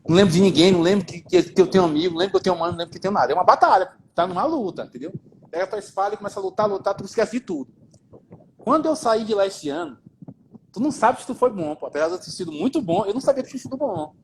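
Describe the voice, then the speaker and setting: A man's voice: high voice, animated, racing, slight background noise, poor audio. A man with a Brazilian accent telling his story in a casual live interview, informal and swearing as he goes, often repeating himself. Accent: Brazilian Portuguese. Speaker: guest.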